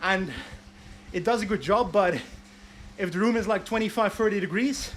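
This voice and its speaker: Chatty man with a high voice. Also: moderate pace, a little hiss or hum. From Belgium. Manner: chatty, answers viewer questions from chat, laughs at himself. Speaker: livestream host. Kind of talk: casual livestream chat while riding an indoor bike trainer. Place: warm indoor room with a bike trainer and fan.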